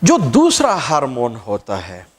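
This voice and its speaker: Lively man lecturing a class. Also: mid-range voice, slow pace. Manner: repetitive, quizzing students then answering himself. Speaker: teacher.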